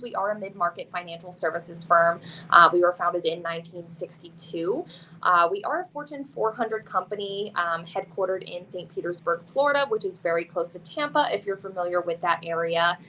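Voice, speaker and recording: A woman's voice: mid-range voice, brisk, sharp tone. A woman giving an upbeat recruiting presentation as a campus recruiter on a webinar. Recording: clearly noisy background.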